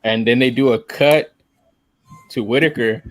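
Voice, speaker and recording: A man's voice: mid-range voice, a little slow. A man co-hosting a podcast, chatting casually about fights, throwing in "man" and "dude" a lot. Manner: animated, says "man" and "dude" often, acts out quotes. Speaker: podcast co-host.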